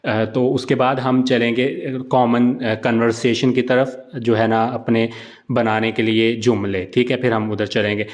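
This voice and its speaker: A man's voice: medium pitch, little pitch movement, unhurried. A man teaching Italian in a live online class, explaining step by step and mixing English words into his talk. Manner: explains step by step, asks and answers his own questions; mixes Hindi-Urdu with English and Italian words.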